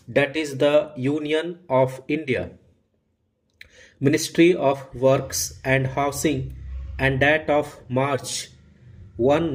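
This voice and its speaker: A man reading formal text aloud as shorthand dictation, in short, deliberate phrases with regular breaks. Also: a little high, low-quality recording. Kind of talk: dictating a legal passage at a measured 95 words per minute.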